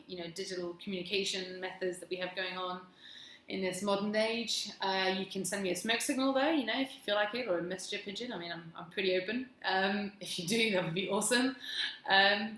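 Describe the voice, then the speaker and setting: A woman's voice: mid-range voice, fairly bright tone. A woman with a plummy English accent chats casually as a video blogger, rambling in a wry, self-deprecating way. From England. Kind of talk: casual chat to camera. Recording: echoey room, faint background noise.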